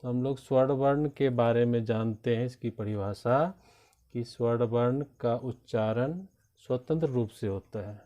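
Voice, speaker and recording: A man teaching a Hindi grammar lesson to children, slow and patient, spelling out each sound one by one. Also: mid-range voice, warm tone. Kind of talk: classroom lesson explaining grammar. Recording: dull lo-fi sound.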